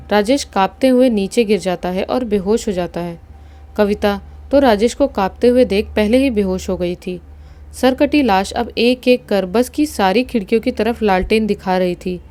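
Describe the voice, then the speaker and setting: Give me a woman with a dark, mellow tone, narrating a horror tale in a steady, suspenseful way. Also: mid-range voice.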